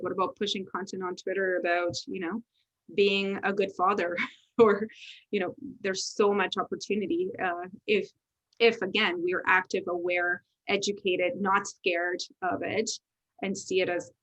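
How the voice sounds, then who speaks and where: A woman from Romania, a tech CEO speaking as an interview guest, talking candidly in a fast-flowing way with frequent restarts. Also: medium pitch, flat delivery, fairly bright tone, muffled recording. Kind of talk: casual interview conversation.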